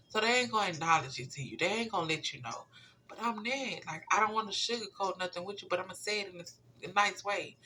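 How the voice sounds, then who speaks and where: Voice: mid-range voice, sharp tone, a little hiss or hum. A tarot reader giving viewers a casual spiritual message, plain-spoken, earnest and informal in the advice.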